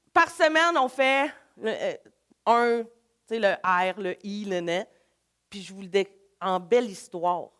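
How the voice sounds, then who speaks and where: High-voiced Québécois woman leading a workshop. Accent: Québécois French. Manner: energetic, coaxing. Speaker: laughter workshop leader. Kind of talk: live workshop talk to an audience.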